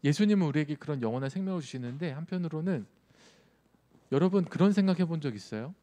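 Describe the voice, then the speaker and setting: A male youth pastor preaches fast and expressively, his voice a little high with a dark tone. He keeps the sermon conversational, frequently questioning the audience.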